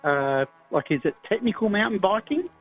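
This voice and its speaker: Male caller heard over the phone, slightly high voice, halting. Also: big pitch swings, music in the background. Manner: hesitant, halting with fillers. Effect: heard over a phone line. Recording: muffled phone line.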